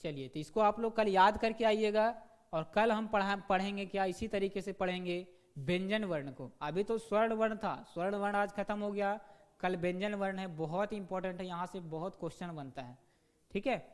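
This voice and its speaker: High-voiced teacher in a reverberant room. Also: male voice, clean tone. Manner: repeats "ठीक है" and asks students questions; demonstrates sounds slowly. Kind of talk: online grammar lesson. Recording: long reverb.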